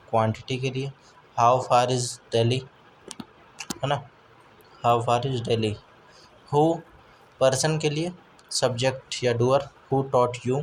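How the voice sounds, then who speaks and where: A male teacher in a spoken English lesson, reading model sentences very slowly and deliberately. He switches to quick Hindi explanations and keeps checking whether the listener follows. A faint hiss of background noise sits under the recording. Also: mid-range voice, low-quality recording.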